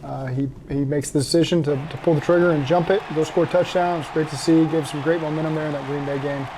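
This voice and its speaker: A head coach answering interview questions and then breaking down game film in a steady, matter-of-fact way. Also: male voice, on the high side, fast talker, background noise.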